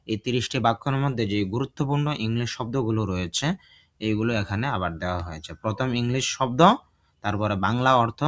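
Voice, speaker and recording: A man teaching an English lesson, drilling sentences slowly and translating each one. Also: on the low side, a bit bright. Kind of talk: bilingual language lesson.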